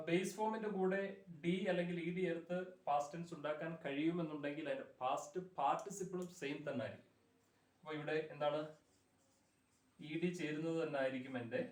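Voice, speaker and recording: A man's voice: a little high, a little mellow, recorded from a distance. A man teaching grammar in Malayalam. He speaks, patiently repeats word forms and keeps checking that the class follows. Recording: echoey room, voice from afar.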